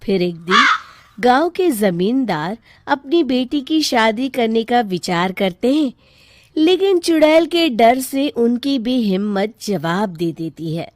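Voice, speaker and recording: A woman's voice: fairly high pitch, expressive, takes it slowly, no room sound, clean studio sound. A woman narrating a scripted story as its storyteller.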